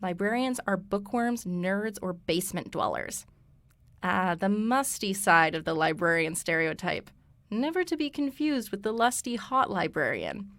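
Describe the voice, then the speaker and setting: A young woman co-hosting a student radio show, reading a scripted segment in a brisk, wry way. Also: medium pitch, animated, fairly bright tone, slight background noise. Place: radio studio.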